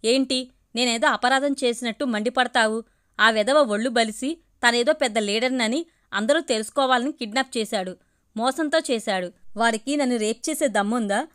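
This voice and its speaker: A woman's voice: on the high side, normal speed, smooth, close to an everyday voice. A woman voicing an angry, defiant young woman student who answers with fierce indignation. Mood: furious.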